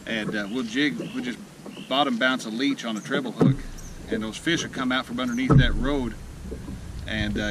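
Loud wind and water noise fill this outdoor recording from an action camera mounted in a small boat on a lake. The fishing vlog host, a medium-pitched man from Illinois, USA, chats to the camera breathlessly and excitedly in a folksy, rambling way packed with fillers.

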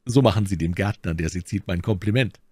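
A man's voice: low-pitched, a little fast, mellow, dry recording. A man voicing a bold, bantering young musketeer. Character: eager young hot-blooded male musketeer.

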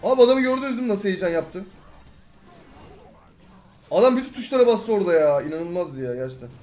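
A young gaming YouTuber narrates his own gameplay live in a brisk, chatty, excitable way. He mutters low at one moment and yells the next.

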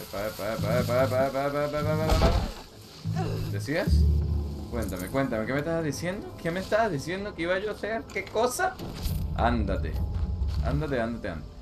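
A man giving casual, excitable let's-play commentary, full of loud exclamations and joking slang. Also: medium pitch, a little fast. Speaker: gaming channel host. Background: loud game music.

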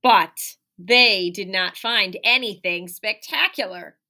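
Slow-paced with a mid-range, sharp tone, this elementary teacher in her thirties reads a picture book aloud expressively to young children. She leans on key words, makes asides and prompts them with questions during the animated read-aloud, held in a small room by a window.

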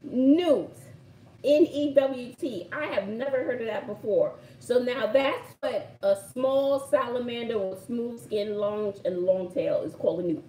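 A woman's voice: on the high side, unhurried, mellow, far from the mic. A middle-aged woman with a Brooklyn accent hosting a casual live word game, playful and emphatic as she repeats phrases. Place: indoor home room by shuttered window. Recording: roomy echo, faint background noise.

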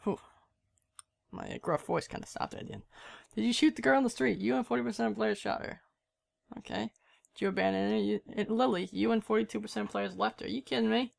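Gamer with a very creaky voice. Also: medium pitch, fast. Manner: casual, jokey, reacts to the game. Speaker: gamer commentator. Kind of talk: let's play commentary.

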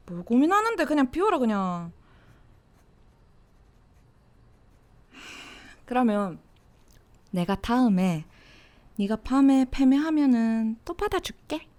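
A woman playing a teasing high-school girl friend, whispered role-play. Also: big pitch swings, moderate pace. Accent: Gyeongsang Korean dialect. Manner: teasing, blunt, soft whispery delivery. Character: cocky teenage girl classmate, teasing and clingy. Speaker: voice actor.

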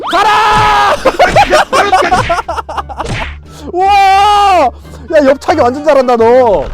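High-pitched and full of excitement, this YouTuber narrates VR gameplay loudly and playfully, yelling at the characters on screen.

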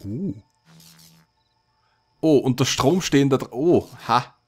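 A man's voice: medium pitch, lively intonation, slow pace, breathy edge. A man hosting a let's play, musing and thinking aloud with many hesitations as he plays. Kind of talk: casual gameplay commentary.

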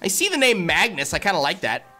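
A man streaming a game, chatting excitedly and swinging between loud hype shouts and quiet mumbling. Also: high voice, fast. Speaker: gaming streamer. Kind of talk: live-stream gameplay commentary.

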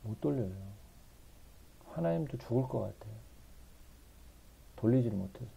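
A man's voice: mid-range voice, expressive, moderate pace, gravelly, mellow, husky. A man giving a Bible study sermon, pleading with emotion and asking his listeners rhetorical questions. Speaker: Bible teacher.

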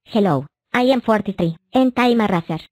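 A young woman voicing characters for a fan cartoon in a bright, playful manner, recorded at home on a webcam. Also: medium pitch, animated, brisk, dry recording.

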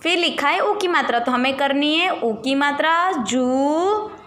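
A woman teaches a primary school class, sounding out words one syllable at a time. Her voice sits high and bright, and she talks slowly and patiently. The room around her is strongly echoey. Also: expressive. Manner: slow, drawn-out syllables for young children. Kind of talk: primary school Hindi lesson.

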